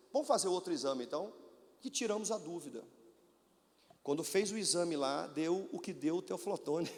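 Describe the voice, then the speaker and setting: A man from Brazil, a pastor telling a testimony in a sermon, animatedly acting out the voices of doctors and his mother. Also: on the high side. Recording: long hall reverb.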